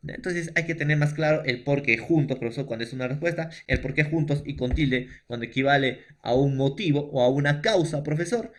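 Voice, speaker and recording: A man's voice: on the high side, a little fast, hardly any pauses. A middle-aged man from Peru, speaking with a Peruvian Spanish accent, teaching a lesson to young students. He explains patiently and repetitively, with frequent fillers and tag questions. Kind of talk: remote classroom lesson.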